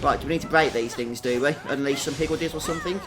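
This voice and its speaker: Over video game music, a game streamer with a mid-range voice talks fast, giving chatty live commentary. He thinks aloud as he plays and often tacks questions onto the end of his remarks.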